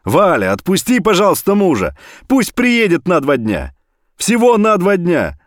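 A man voicing a desperate middle-aged father who pleads and shouts down a phone. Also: sits high, huge pitch swings, unhurried, dry recording, clean studio sound, voice pushed up, exaggerated voice. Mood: pleading loudly.

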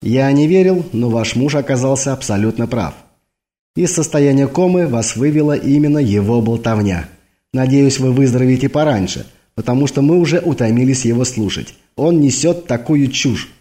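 A man's voice: mid-range voice, lively intonation, normal speed, dark tone, lightly acted. A man reading an audiobook, voicing a prim, exasperated hospital doctor who speaks formally and stiffly.

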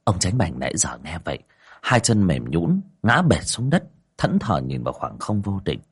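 A male narrator reading a ghost story aloud with dramatic, expressive delivery. His voice is low and slightly husky, rising and falling widely as he builds tension. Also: moderate pace. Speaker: audiobook narrator. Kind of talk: scripted horror story narration.

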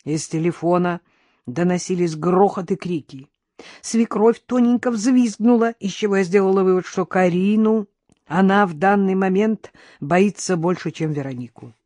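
A woman narrating a first-person audiobook in a lively, ironic storytelling manner. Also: on the low side, moderate pace, no echo.

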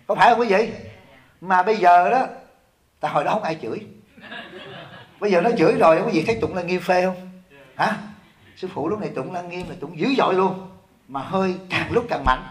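A middle-aged man from Vietnam, an abbot giving a sermon in a lively, joking way, often asking his listeners questions. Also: a little high. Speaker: abbot giving a dharma talk. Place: temple hall.

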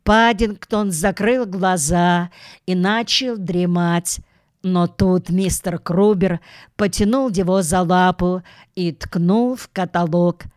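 A woman reading a children's audiobook aloud, with a measured, gentle storytelling manner. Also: on the low side, fairly even intonation, clean tone, no room sound, clean studio sound. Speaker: audiobook reader.

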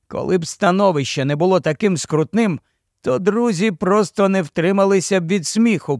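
A man narrating a fantasy audiobook in an even, storytelling delivery. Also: on the high side, dry recording, studio quality. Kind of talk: scripted narration.

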